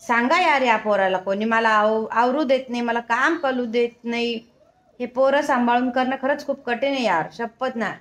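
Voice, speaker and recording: A woman's voice: a little high, moderate pace. A mother filming a casual home vlog in her bedroom, chatting to her small son in a sing-song baby-talk way. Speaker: mother and vlogger.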